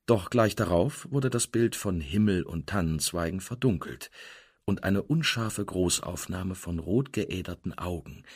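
A man narrating a novel in an expressive storytelling manner. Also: sits low, husky, no echo, studio quality. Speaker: audiobook narrator. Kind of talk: scripted narration.

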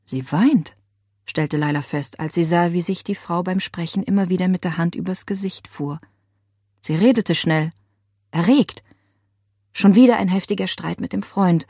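A woman narrating a thriller audiobook in an even, tense storytelling voice. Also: fairly low pitch, normal speed, husky, no echo, clean studio sound. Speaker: audiobook reader.

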